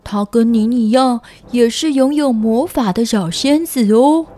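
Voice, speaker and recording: A woman's voice: on the high side, measured pace, warm tone. A woman playing an earnest, dutiful little fairyland soldier who explains things in a children's audio storybook. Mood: earnest, informative.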